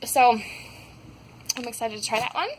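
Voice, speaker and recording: Her voice fairly high and her pace moderate, a young woman rambles through a casual review of scented wax melts at home, full of ums and likes. The rough recording carries a little hiss or hum.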